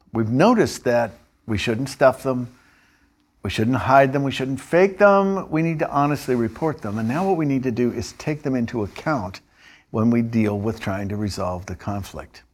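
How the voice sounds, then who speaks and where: A male instructor narrating a training lesson in a measured, explanatory way. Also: medium pitch, expressive. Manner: measured, explanatory, with occasional restarts.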